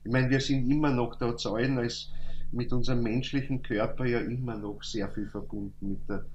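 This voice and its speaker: A man giving a calm, thoughtful spoken lecture, reciting verse slowly at times. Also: mid-range voice, lo-fi sound. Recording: echoey room, faint hum.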